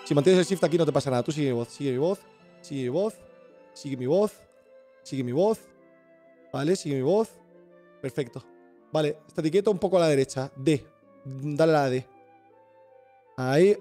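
A man with a Spain Spanish accent calmly talks a teammate through a game, repeating the same short directions over and over. His voice sits a little high but sounds mellow and soft-edged, with faint game music underneath. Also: moderate pace, pauses often. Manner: patient, repetitive step-by-step directions. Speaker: gaming streamer guiding a teammate. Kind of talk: casual gameplay coaching.

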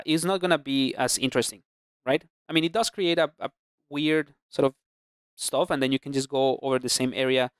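Talking through his brushes in a screen-capture 3D sculpting tutorial, this ZBrush instructor sounds relaxed and smooth at a mid-range pitch. He thinks aloud with many fillers and restarts. The close-miked voice-over has studio quality and no echo.

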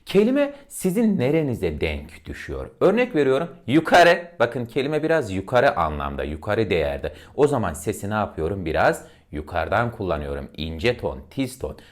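A man giving a lesson on intonation, addressing his listeners as friends and demonstrating each example by swinging between deep and high tones. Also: big pitch swings, moderate pace, few pauses. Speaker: voice and diction teacher.

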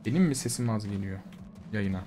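A man giving casual let's-play commentary, swearing, talking back to the game and bursting out loudly. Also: fairly low pitch, lively intonation, brisk, background noise. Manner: swearing, talks back to the game, loud outbursts. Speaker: gamer streamer. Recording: loud game music behind.

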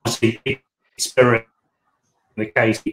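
A man talking casually on a video call whose sound keeps breaking up, speaking haltingly with restarts and fillers. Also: medium pitch, flat delivery, a bit bright, slight background noise. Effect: breaking-up, dropping video-call audio. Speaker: guest speaker at a virtual tasting. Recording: roomy video-call audio that keeps cutting out.

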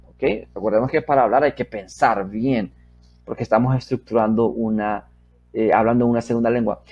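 A man teaching an English lesson, explaining in Spanish and modeling English sentences slowly, first loudly and then softly, checking in often with his students. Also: mid-range voice, breathy edge, muffled recording.

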